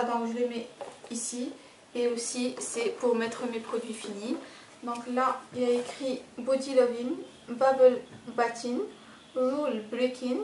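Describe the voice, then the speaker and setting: A woman's voice: a little high, far from the mic. A young woman reviewing beauty products in a casual vlog, chatty and hesitant, with many fillers and restarts. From Belgium. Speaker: beauty vlogger. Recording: echoey room, off-mic, noticeable noise.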